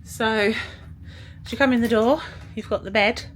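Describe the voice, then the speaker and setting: A woman's voice: fairly high pitch, a little slow, a little hiss or hum. A British woman vlogging aboard a cruise ship in a casual, rambling way with lots of fillers. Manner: chatty, rambling, many fillers. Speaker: travel vlogger. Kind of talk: casual vlog chat. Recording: clear music behind the voice. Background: music playing.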